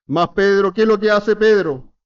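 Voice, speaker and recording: A man's voice: high voice, moderate pace, smooth, highs cut off. A man preaching a sermon in church, addressing the congregation with earnest rhetorical questions. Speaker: presbyter preaching.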